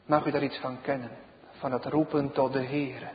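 A man preaching a sermon, slow and emphatic, his voice swelling loud and then dropping to a hush. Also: medium pitch, level tone, slight background noise. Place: church. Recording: dull reverberant church recording.

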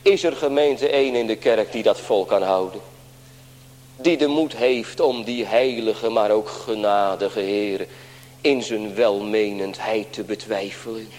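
A man's voice: on the low side, unhurried, a little mellow, a little hiss or hum. Man preaching a sermon in a reverberant church. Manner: earnest preaching, often addressing the congregation directly. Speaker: pastor.

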